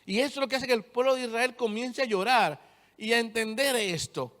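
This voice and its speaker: A man's voice: very high voice, brisk, fairly bright tone. A young man preaching a sermon, retelling scripture and driving his points home with firm repetition. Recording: long church-hall reverb.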